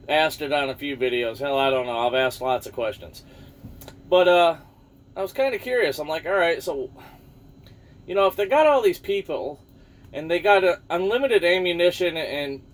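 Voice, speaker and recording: A man rambling casually about the news to his viewers, losing his thread now and then and swearing offhand. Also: on the high side. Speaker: vlogger.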